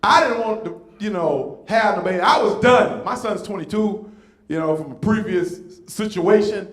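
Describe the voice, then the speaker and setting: This stand-up comedian, a man in his fifties, acts out voices while telling animated stories to a live audience at a comedy club. His voice sits high, his pace is moderate, and the room sounds echoey.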